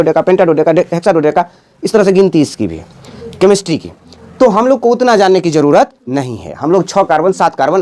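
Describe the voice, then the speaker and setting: A male teacher from India giving a classroom chemistry lesson, asking "got it?" over and over and chanting lists slowly. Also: high-pitched, a little mellow. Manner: repetitive, quizzing students with "समझ गए?".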